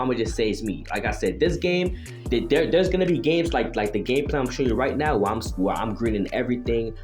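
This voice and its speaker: A young man chats loosely about a basketball video game, dropping slang and filler phrases as he goes. His voice sits at an ordinary middle pitch, and faint music plays low behind him. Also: a little mellow. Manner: laid-back, filler-heavy slang talk. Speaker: gaming YouTuber. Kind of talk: casual gameplay commentary.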